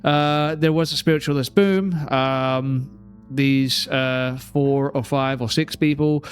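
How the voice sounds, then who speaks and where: Man in an average pitch range talks as game master, relaxed and unhurried. He lays out a horror scenario in casual chat, pausing often with filler words while he thinks. Faint music plays behind him. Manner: unhurried, lots of ums and uhs while recalling details.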